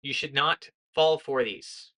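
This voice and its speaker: Speaking slowly in a very deep, monotone voice, a young American woman offers casual political commentary. She comes across as earnest and a bit lecturing, frequently stopping to correct herself partway through sentences.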